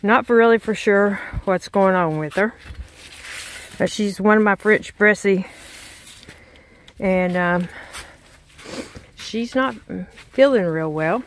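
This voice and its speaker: Holding her phone camera outdoors on her rural Texas farm near a chicken pen, this middle-aged woman narrates a casual vlog in a Southern accent, folksy and full of fillers. She talks slowly in a mid-range voice, pausing often, with slight background noise.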